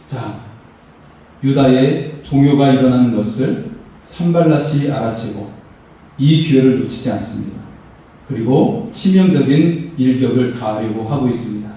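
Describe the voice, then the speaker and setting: A man's voice: medium pitch, moderate pace, dark tone. A pastor, a man, preaching a sermon with emphatic, rising phrases. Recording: echoey hall, voice far from mic.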